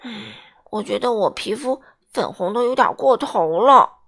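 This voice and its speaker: A woman's voice: on the high side, lively intonation, measured pace, gravelly, fairly bright tone, exaggerated voice. A woman voicing a glum young male pig in a children's storybook reading, speaking in a mopey, downcast way.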